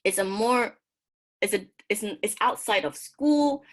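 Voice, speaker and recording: A woman's voice: medium pitch, a little slow. Chatty Malaysian woman presenting. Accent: Malaysian English. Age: young adult. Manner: chatty, with many fillers and restarts. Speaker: graduate student presenter. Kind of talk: academic presentation.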